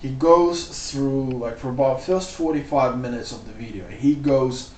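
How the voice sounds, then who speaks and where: A man's voice: medium pitch, unhurried, a little mellow, a little hiss or hum. Rambling man, roomy distant sound. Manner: loose and rambling, full of "like" and "you know". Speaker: vlogger. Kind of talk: casual spoken commentary.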